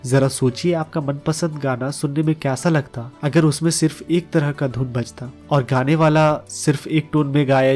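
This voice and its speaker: A man narrating a book summary in a steady, explanatory way. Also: fairly high pitch. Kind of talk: scripted narration. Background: faint background music.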